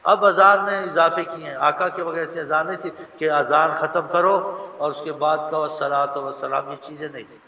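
A man's voice: on the high side, fairly even intonation, pushed and bright, lo-fi sound, a little hiss or hum. A man preaching a sermon in an earnest, emphatic manner, slipping into the voices of the people he quotes. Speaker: religious preacher. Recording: roomy hall, heard from a distance.

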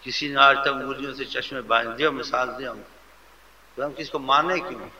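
A man preaching a devotional sermon with fervent, animated delivery, sometimes mimicking how people speak to others. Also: medium pitch, crowd noise. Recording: lo-fi recording with faint ambience.

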